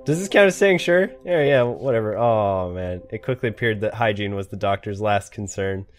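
A man's voice: fairly low pitch, expressive, normal speed, soft background music. A man commentating a game, reading its cards aloud and reacting with laughs and swearing. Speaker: gamer. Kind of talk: let's play commentary.

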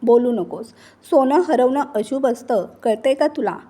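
A woman's voice: on the high side, expressive, normal speed, breathy edge. A woman reading the lines of a harsh, accusing older mother-in-law in a storybook tale. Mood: scolding. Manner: sharp, accusing.

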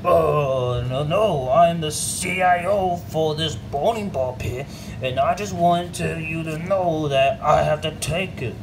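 A man playing a gravelly bumbling robber. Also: fairly high pitch, slow, noisy background. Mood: scheming. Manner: gruff, blustering, stumbling over words. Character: bumbling male robber, pushy but cowardly.

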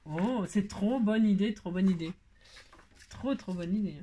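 A woman's voice: mid-range voice, measured pace, warm tone, slight background noise. A woman craft vlogger chatting to her viewers while opening mail, effusive and gushing, repeating her exclamations and often trailing off to restart. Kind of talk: casual chat to viewers.

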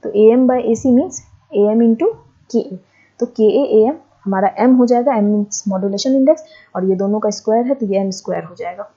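Patient woman lecturer, dark dull audio. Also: fairly high pitch, normal speed, husky. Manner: patient, repeats steps and asks herself questions. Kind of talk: board lesson deriving formulas.

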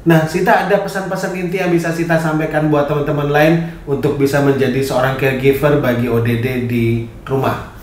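A man hosting an interview, asking questions calmly and encouraging with soft murmurs of agreement. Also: a little fast. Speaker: interview host. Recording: echoey room, faint rumble.

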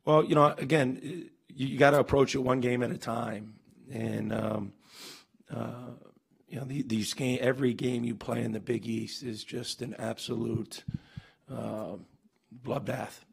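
An unhurried, steady, medium-pitched voice with creak and a breathy edge belongs to this basketball coach in his forties. He takes reporters' questions after the game at a table microphone, replying in earnest, emphatic bursts riddled with restarts and fillers.

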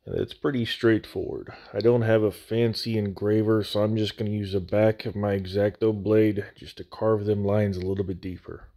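Guy with a lowish voice talking thru a build, folksy n casual, bit echoey phone mic. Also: level tone, normal speed, hardly any pauses, warm tone. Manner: plain-spoken, folksy, colloquial. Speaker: host of a scale model building channel. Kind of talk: casual hands-on tutorial narration. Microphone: phone microphone.

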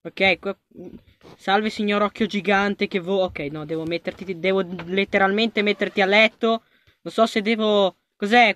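A gaming creator doing let's-play commentary, excitable and panicky, who talks to the game characters and swings from shouting to quiet muttering. The recording has no echo.

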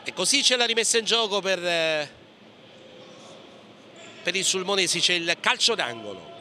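A man's voice: high voice, animated, moderate pace, pushed and bright. A man commentating live on a futsal match in clipped play-by-play with hesitations, passing from name to name. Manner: clipped running play-by-play, naming players pass by pass, with hesitations. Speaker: sports commentator. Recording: gym ambience with clear background noise. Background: indoor sports hall sounds, bouncing ball.

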